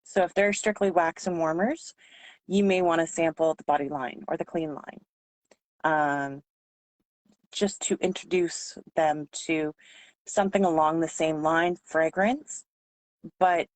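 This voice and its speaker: A woman whose voice is hoarse and giving out, talking informally as a trainer explaining sales tips. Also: sits low, dry recording, rough recording. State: losing her voice, hoarse. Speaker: sales trainer for direct-selling consultants.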